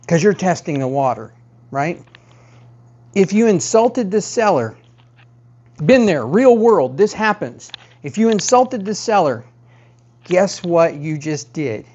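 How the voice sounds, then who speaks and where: A man's voice: a little high, a little mellow, muffled recording. A man working as a real estate agent, giving emphatic advice straight to the viewer and repeating key phrases for stress. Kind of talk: direct-to-camera advice talk.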